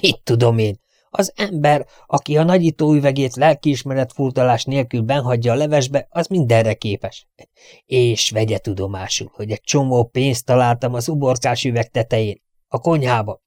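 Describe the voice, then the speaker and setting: A man's voice: mid-range voice, a little mellow, no room sound, studio quality, close to an everyday voice. A man voicing a strict, nagging older housekeeper who scolds her absent-minded employer. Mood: scolding. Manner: scolding, prim and indignant.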